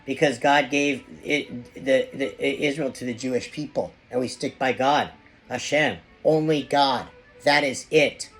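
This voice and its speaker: A man hosting an informal opinion monologue, speaking in a halting, repetitive and emphatic way. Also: mid-range voice, a bit bright, soft background music. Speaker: video host.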